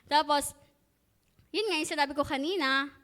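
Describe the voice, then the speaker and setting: A woman retells a Bible story to her congregation in a chatty, joking way. Her voice is high and bright, and she drops playful asides into the telling. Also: normal speed. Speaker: Bible teacher.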